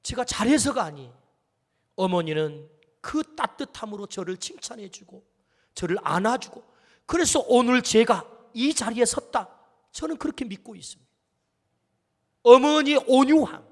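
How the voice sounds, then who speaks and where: A man's voice: extremely high pitch, expressive, normal speed, pauses often, in a large hall. A male pastor giving an earnest storytelling sermon, acting out the quotes in it. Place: church sanctuary.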